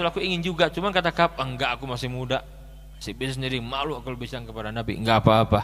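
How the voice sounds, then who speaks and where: Animated preacher with a hall echo. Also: male voice, medium pitch. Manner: animated, shifts from loud exclaiming to soft hushed telling; recites Quranic Arabic then translates. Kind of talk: storytelling sermon.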